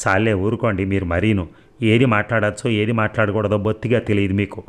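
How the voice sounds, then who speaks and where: A man reading the part of a calm but firm middle-aged aunt who reasons and reproves. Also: lowish voice, a little fast, close to an everyday voice. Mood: reproving.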